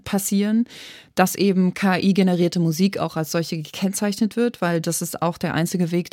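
This medium-pitched, slightly mellow voice belongs to an eastern German composer and arranger in her thirties who, as a guest in a reflective interview, thinks aloud and frequently restarts her sentences. Clean studio audio, no echo.

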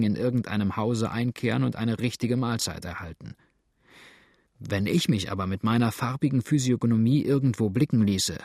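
A man's voice: mid-range voice, darkish tone, no echo, studio quality, lightly acted. A man voicing a hungry, bitter male runaway who talks in an agitated, complaining way.

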